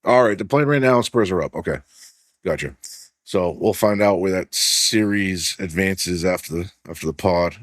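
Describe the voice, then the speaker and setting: A man's voice: low-pitched, moderate pace, dry recording, studio quality. A man hosting a casual sports podcast, swearing freely and leaning on fillers while he reads off stats. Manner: loose and profane, heavy on filler "like", reads stats aloud. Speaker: podcast host.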